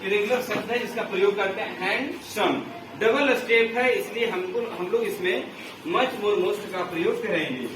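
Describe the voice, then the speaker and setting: A male English teacher, slowly reciting word forms in a classroom grammar lesson. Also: high voice. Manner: slow, drawn-out recitation with repeated drills. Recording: echoey room from far off with noise.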